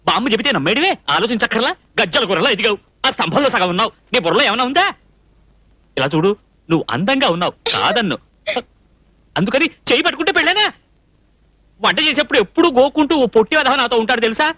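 A man's voice: extremely high pitch, animated, sharp tone, dry recording, exaggerated voice. An actor playing a fussy, naive young male cook who scolds and rambles, in a dubbed film comedy. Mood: scolding. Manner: scolding, rambling, quick outbursts.

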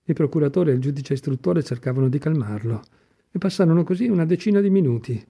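Audiobook narrator, man, dark-toned, slightly higher voice, expressive reading. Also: quick pace, gravelly, husky. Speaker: audiobook reader. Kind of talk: scripted narration.

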